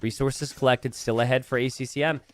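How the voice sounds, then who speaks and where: A man's voice: medium pitch, fairly even intonation. A man giving live esports commentary on a strategy game as a caster, drawing out key phrases for emphasis. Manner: esports caster delivery, stressing key phrases with drawn-out words.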